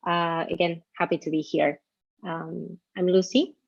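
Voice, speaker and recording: A woman's voice: lowish voice, level tone, measured pace, vocal fry, husky, dry recording, highs cut off. A woman from Argentina, giving a friendly, explanatory talk to an online meetup over a video call. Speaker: guest speaker, product manager.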